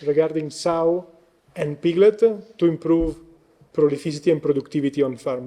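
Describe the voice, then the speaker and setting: Speaking as a guest presenter at a conference, a native Italian speaker struggles with a fading voice, hesitating often and filling gaps with fillers. His voice is slightly high and mellow.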